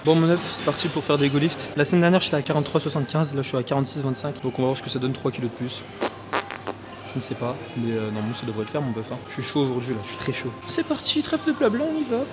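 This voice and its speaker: A man's voice: medium pitch, steady tone, rapid-fire, noisy background. A man filming a casual gym vlog, counting reps and talking between sets in a strained, slangy way. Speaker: fitness vlogger.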